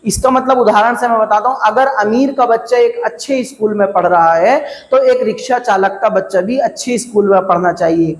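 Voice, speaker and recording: A man teaching an exam prep lecture, slowly repeating key phrases to drill his students. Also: high voice. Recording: echoey classroom, long reverb.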